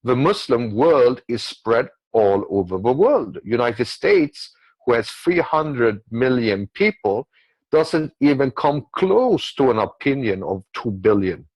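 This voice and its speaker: A guest commentator who isn't a native English speaker offers unscripted political commentary that rambles and repeats itself, frequently checking in with the listener. His mid-range voice is sing-song and darkish, and he speaks slowly. The recording is dry and of poor quality.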